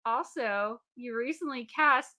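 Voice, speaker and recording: Bright, playful woman in her late twenties. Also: on the high side. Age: 20s. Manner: playful, teasing, quick to laugh. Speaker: podcast co-host. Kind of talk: casual chat.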